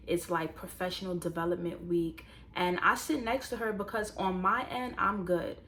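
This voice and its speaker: A woman in her twenties, casually telling a personal story to viewers and turning it into motivational advice, animated and talking straight to the audience. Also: fairly low pitch, moderate pace, slight background noise. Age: 20s. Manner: animated, conversational, addresses viewers directly. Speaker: vlogger.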